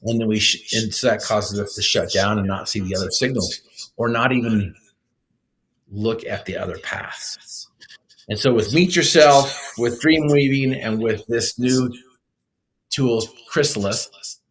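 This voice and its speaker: A man's voice: mid-range voice, normal speed, a bit bright, low-quality recording. A man speaking earnestly as a motivational speaker in an interview, with many fillers and restarts. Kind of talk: casual interview talk.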